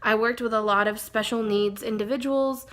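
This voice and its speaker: A woman's voice: on the high side, fairly even intonation, moderate pace, fairly bright tone. A woman vlogger talking casually to camera in a chatty, rambling way that often goes off on side tracks.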